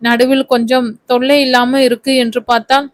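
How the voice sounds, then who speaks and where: A woman reading the part of a quick-tempered young actress who complains and argues with her mother. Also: fairly high pitch, little pitch movement, no room sound, close to an everyday voice. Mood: complaining. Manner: indignant, complaining.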